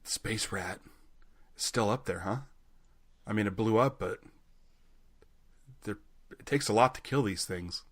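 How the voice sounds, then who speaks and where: A man's voice: on the low side, a little slow, pauses often. A man co-hosting a podcast, chatting casually, laughing easily and hesitating now and then. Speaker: podcast co-host. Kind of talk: casual chat.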